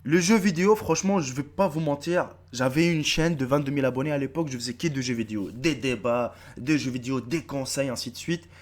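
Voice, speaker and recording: In a medium-pitched voice, a bit fast and with few pauses, a YouTube video maker in his thirties with a North African French accent chats face-to-camera. He's lively and profane, says things more than once, and speaks directly to viewers.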